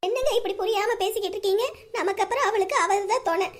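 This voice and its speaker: A woman's voice: extremely high pitch, fast talker. A woman playing a fierce, scolding middle-aged mother who argues back at her stubborn husband. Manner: scolding, defiant.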